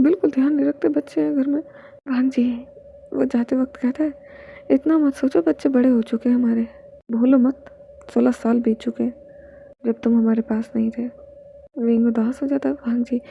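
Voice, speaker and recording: A woman's voice: high voice, vocal fry. A woman narrating a romance fanfiction, voicing every part herself and often dropping to a whisper. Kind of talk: storytelling, reading all parts aloud. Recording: dull lo-fi sound with faint noise.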